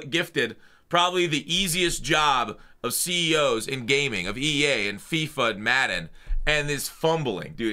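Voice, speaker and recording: A man with a sharp, fairly high voice hosts a gaming channel, running through the news casually and off the cuff while giving blunt, slangy opinions.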